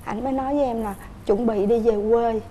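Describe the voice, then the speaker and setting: Southern Vietnamese woman, talk show guest, mellow earnest storytelling, a bit high, faint background noise. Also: steady tone, fast. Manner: earnest, telling a family story at length. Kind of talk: casual chat.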